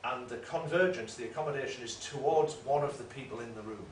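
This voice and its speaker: A man's voice: mid-range voice, quick pace. A man giving an academic lecture in a discursive, explanatory way, often correcting himself. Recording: roomy room, mic at a distance, faint noise.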